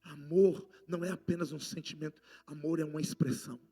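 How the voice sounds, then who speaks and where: A man with a Brazilian Portuguese accent preaching a sermon, passionate and swinging between loud outbursts and hushed lines. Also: a little high, steady tone, a little fast, vocal fry, slightly rough. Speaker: apostle preaching.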